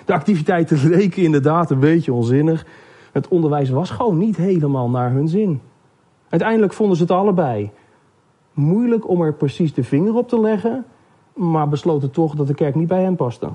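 Husky-voiced man teaching and reading. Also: fairly high pitch, expressive, brisk, warm tone. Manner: hesitant, many fillers and restarts. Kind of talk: casual teaching, then reading a parable aloud.

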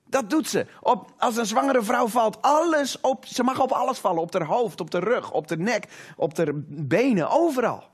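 High-voiced male preacher, emphatic. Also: expressive, normal speed, breathy edge. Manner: engaging, asks the audience rhetorical questions. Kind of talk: sermon to a live congregation.

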